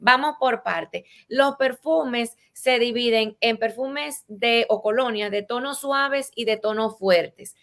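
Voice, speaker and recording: A woman with a Latin American Spanish accent, appearing as an expert guest in an interview, explains rules didactically through practical examples. She takes it slowly with hardly any pauses, her voice fairly high and fairly bright.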